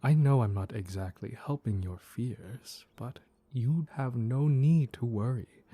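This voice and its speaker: A man voicing a mischievous, flirtatious mad cat in an intimate roleplay audio, teasing with coy pet names in a soft, husky purr. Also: on the low side, no echo. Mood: tender, reassuring.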